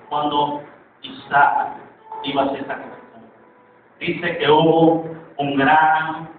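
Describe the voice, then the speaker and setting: A man preaching a sermon in a church, emphatic and repetitive, with long dramatic pauses. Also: on the high side, slight background noise. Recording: very echoey, distant, phone-like church recording.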